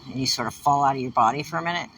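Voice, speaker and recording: A woman's voice: a bass voice, very fast, fairly bright tone. A woman host rambling through a personal monologue on a road trip, chuckling between thoughts and leaning on fillers. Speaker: podcast host. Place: inside a moving vehicle on a road trip. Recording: distant mic with road noise. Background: vehicle road noise.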